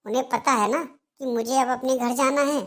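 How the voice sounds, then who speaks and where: A woman's voice: sits high, fairly even intonation, moderate pace, lightly acted. Woman voicing a resentful young daughter-in-law. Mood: complaining. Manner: complaining, sharp retorts. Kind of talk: Hindi cartoon dialogue.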